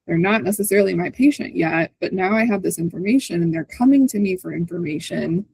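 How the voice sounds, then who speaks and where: A woman's lowish voice, a little fast, gravelly, somewhat mellow, and husky, leads a casual walkthrough as host of a community call on an online video call with screen sharing. She often checks in with listeners by ending points with "right?". The recording is dry and the audio poor.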